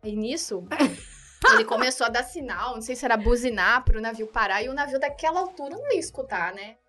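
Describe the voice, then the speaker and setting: A Brazilian woman with a somewhat high voice recounts an anecdote in an easy, chatty way. She laughs often and jumps into other people's lines as she tells it. Soft music plays faintly behind her. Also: fast talker. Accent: Brazilian Portuguese. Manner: animated, laughs often, acts out dialogue, frequent tag questions. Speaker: guest telling a travel story. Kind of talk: casual anecdote in conversation.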